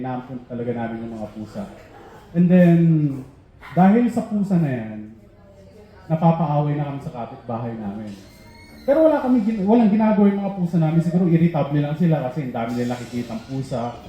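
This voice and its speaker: High-voiced man doing stand-up, echoey room. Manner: animated, laughing at his own jokes. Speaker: stand-up comedian. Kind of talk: stand-up comedy storytelling. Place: open-mic venue. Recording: echoey, dull open-mic room sound.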